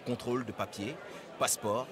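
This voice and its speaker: A man's voice: mid-range voice, steady tone, normal speed, close to an everyday voice. A man acting an officious customs officer who keeps repeating the rules, in a comic sketch. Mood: stern. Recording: crowd noise behind.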